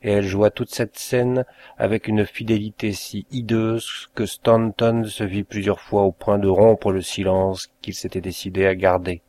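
A man reading a classic novel aloud, in a measured and expressive narration. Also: on the low side. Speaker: audiobook reader. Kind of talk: scripted narration.

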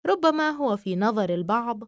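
A woman's voice: on the high side, expressive, no echo, clean studio sound. Woman narrating an audiobook novel. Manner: measured literary narration. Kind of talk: scripted narration.

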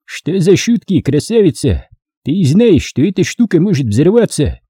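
A man reading an audiobook voices a big bearded middle-aged village boss who drawls slowly and mockingly, in a raised, husky voice. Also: fairly high pitch, big pitch swings, mellow, dry recording, clean studio sound, pitched above the performer's own voice. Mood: smug.

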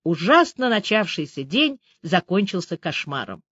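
Lively woman reading a novel aloud. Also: on the low side, moderate pace, slightly rough, no room sound. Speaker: audiobook narrator. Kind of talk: scripted first-person narration. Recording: dry, slightly dull audiobook recording.

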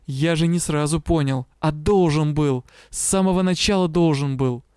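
A man's voice: a little high, normal speed, darkish tone, clear, resonant tone, no room sound, studio quality, close to an everyday voice. A man reading an audiobook, voicing a tired, stern magister who talks curtly and growls his answers. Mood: weary. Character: weary stern male magister, commanding.

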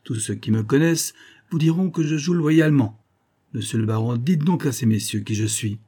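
Male reader doing a cornered gambler, loud denials, husky and dark. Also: medium pitch, normal speed, voice pushed up, close to an everyday voice. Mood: indignant. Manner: protesting, defensive. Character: indignant cheating gentleman banker.

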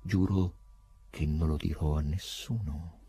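A man's voice: extremely low pitch, steady tone, mellow, breathy edge, no echo, soft background music, exaggerated voice. A man doing a sly, courteous foreigner. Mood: hushed. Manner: slow, deliberate, overly polite. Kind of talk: audiobook reading.

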